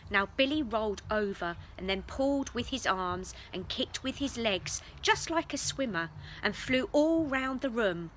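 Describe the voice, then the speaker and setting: Lively bright-voiced woman reading a children's story. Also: a little high, a little slow, a little hiss or hum, rough recording.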